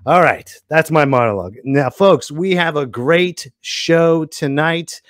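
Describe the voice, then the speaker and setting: Speaking close to a headset podcast microphone in a dry home studio, a thirtysomething man hosts a casual comedy show mixing monologue and interview, animated and exclamatory. His voice is on the high side and unhurried, with no room sound.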